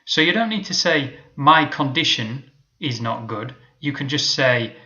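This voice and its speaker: A man teaching an English lesson, explaining patiently and modelling example sentences slowly. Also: medium pitch, lively intonation, sharp tone, lo-fi sound.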